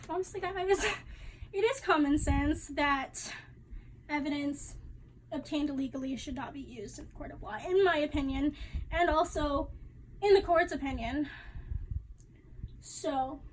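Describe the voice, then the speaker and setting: A woman's voice: high voice, measured pace, long pauses, slight background noise, rough recording. A young woman giving a class presentation, talking casually and chattily with fillers and the odd laugh. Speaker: student presenter.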